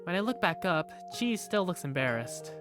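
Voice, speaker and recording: Playing the narrator and protagonist of a visual novel fan dub, a woman portrays a young working big sister, telling her story in the first person with affectionate playfulness. Her fairly low voice is sing-song and moderately paced, set over music.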